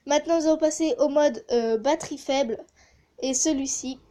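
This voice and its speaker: A woman's voice: sits high, normal speed, mellow. A woman chatting casually in a vlog, with many hesitations, reviewing voice changer effects. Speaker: gaming YouTuber testing a voice changer app.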